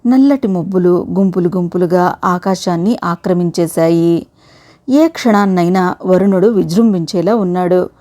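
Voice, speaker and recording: A woman storyteller narrating a short story, with even, measured audiobook delivery. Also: on the low side.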